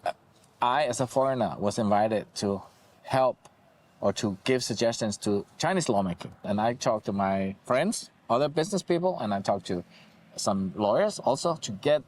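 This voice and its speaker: A man's voice: mid-range voice, lively intonation, moderate pace, darkish tone. A businessman giving an interview answer, hesitant and searching for words.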